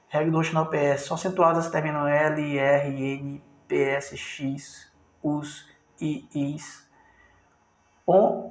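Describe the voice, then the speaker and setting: A man's voice: fairly high pitch, reverberant. A man from Brazil teaching a grammar review lesson, explaining step by step and often checking in with his listeners.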